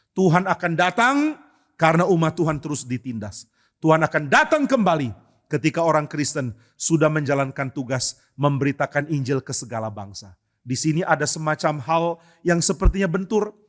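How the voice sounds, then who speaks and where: A male pastor preaching a sermon in church, asking rhetorical questions and acting out quotes with emphasis. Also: fairly high pitch.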